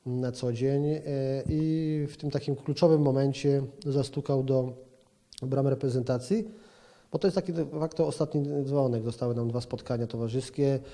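Interviewed for TV about football, a pundit in his forties stumbles through his answers with many fillers and false starts. His voice is mid-range with a dark tone at a moderate pace, captured indoors in an office with a plant on a handheld reporter's mic aimed at him.

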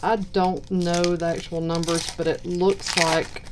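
A woman with a Southern US accent giving low-key, mumbled casual commentary while unboxing cards. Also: flat delivery, unhurried, background noise. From southern United States. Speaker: card box-break host. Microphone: purchased microphone.

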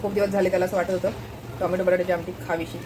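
A woman's voice: lowish voice, level tone, rapid-fire, noisy background. A woman vlogging at home, chatting casually and pointing things out to her viewers. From Maharashtra. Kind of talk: casual home vlog narration.

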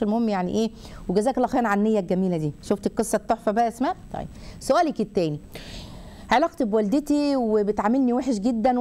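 A woman with an Egyptian accent hosting a religious advice talk, animated and acting out people's words as she answers a viewer's question. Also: mid-range voice. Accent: Egyptian Arabic. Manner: animated, acts out people's words while advising. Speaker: host and family counselor.

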